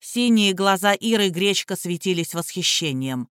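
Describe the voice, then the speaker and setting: A reader narrating a crime story in steady, even storytelling. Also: mid-range voice, normal speed, smooth, dry recording, clean studio sound. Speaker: audiobook narrator. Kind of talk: scripted narration.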